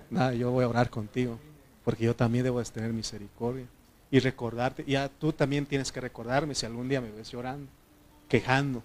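A man preaches in a relaxed, talkative way. His voice sits at an ordinary middle pitch. He keeps turning to the congregation with questions. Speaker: pastor. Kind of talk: sermon.

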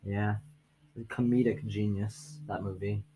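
Jokey podcast host, laughing a lot. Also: male voice, on the low side, flat delivery, measured pace, warm tone, slight background noise, rough recording. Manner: jokey, laughs often, talks while eating. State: hiccups. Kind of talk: casual chat.

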